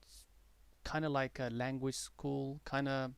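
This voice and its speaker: A man's voice: medium pitch, little pitch movement, measured pace, vocal fry, clear, resonant tone, no room sound. A man with a mixed English accent, partly American and partly British, hosting a casual live day-trading stream. He rambles in a chatty way, with frequent fillers and restarts. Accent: mixed accent, partly American-tinged English learned abroad, softened by years in the UK. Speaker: day-trading livestream host.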